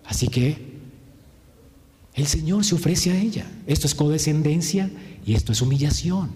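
A man's voice: on the high side, moderate pace, warm tone, big-room sound. A man preaching a sermon with passion, acting out the voices he quotes. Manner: impassioned, acts out quoted voices. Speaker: pastor.

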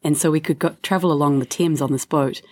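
A woman co-hosting a travel podcast tells stories in a chatty, easygoing way, with laughs and fillers throughout. Her voice is low and mellow, fast-paced with fairly even intonation, and there's no room sound.

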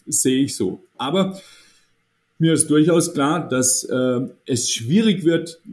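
A man's voice: medium pitch, expressive, takes it slowly, darkish tone. A man speaking as an association's managing director in a podcast interview, thoughtful and hesitant, with many fillers and restarts.

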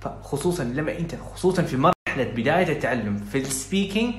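A man's voice: fairly high pitch, lively intonation, very fast, reverberant. A Saudi man with a Saudi Arabic accent giving earnest, pleading advice on a podcast, dropping English phrases into his talk.

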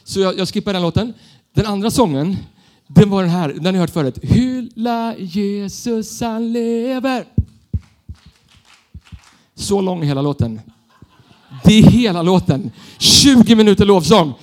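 Male preacher, fairly high voice, lively self-mocking storytelling sermon.

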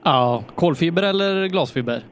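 A man's voice: on the high side, lively intonation. A man co-commentating a rally, chipping in short remarks with fillers. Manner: brief interjections with fillers. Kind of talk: live sports commentary.

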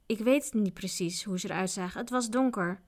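A woman's voice: mid-range voice, a little fast, lightly acted. A woman reading aloud, voicing a cowardly male inn servant who whimpers and cries out in pain. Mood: sullen. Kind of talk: audiobook character voice.

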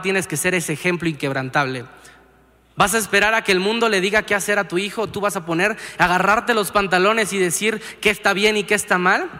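A man's voice: high-pitched, bright, forceful tone. A young man preaching a sermon in a church, earnest and talking straight to the listener. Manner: earnest, keeps asking "¿sabes?" to the listener. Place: church auditorium. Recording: reverberant church hall.

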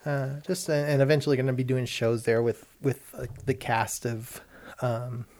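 Very deep-voiced, hesitant woman chatting. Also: level tone, moderate pace, darkish tone. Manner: hesitant, lots of fillers and restarts. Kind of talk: casual chat.

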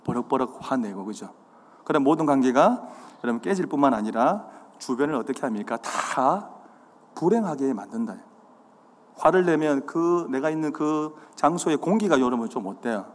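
A man's voice: mid-range voice, normal speed. A man preaching a sermon, quizzing his congregation with questions and acting out the signs of anger. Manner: animated, acts out anger. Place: church sanctuary. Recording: hall reverb.

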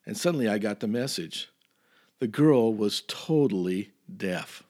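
A man's voice: lowish voice, expressive, unhurried, a little mellow. A man preaching a sermon through a personal story, in a folksy way with chuckles and many restarts.

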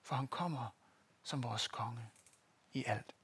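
A man's voice: medium pitch, fairly bright tone, slightly rough. A man preaching a sermon to a congregation, telling stories and addressing listeners directly. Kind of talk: sermon with a live demonstration. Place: church in front of a congregation.

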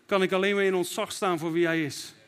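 A man's voice: high-pitched, fairly even intonation, quick pace, fairly bright tone, smooth. A man preaching a fervent sermon as pastor, acting out prayers and God's words as he goes.

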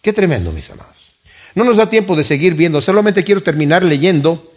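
A man's voice: sits high, big pitch swings, fairly quick, darkish tone. A man preaching a sermon as a pastor, repeating key phrases for emphasis and reading scripture aloud.

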